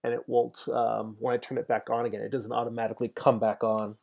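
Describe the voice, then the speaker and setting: A man's voice: medium pitch, completely flat delivery, fast, creaky, darkish tone, highs cut off. A man in his forties chatting casually as he paints on a livestream, thinking aloud and answering viewer comments. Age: 40s. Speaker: digital painter streaming his work.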